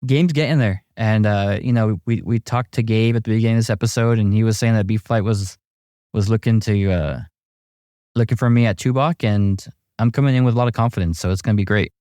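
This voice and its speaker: A middle-aged man chatting casually as a guest, telling stories in a relaxed way with lots of fillers and restarts. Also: fairly low pitch, a little fast, dry recording, studio quality. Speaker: amateur golfer guest. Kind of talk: casual chat.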